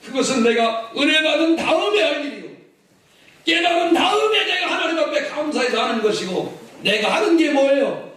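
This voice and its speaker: A man preaching a lively sermon, leading the congregation in call-and-response and shouting for emphasis. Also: very high-pitched, moderate pace. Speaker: pastor. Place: large church hall. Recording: echoey hall, mic from a distance, noisy.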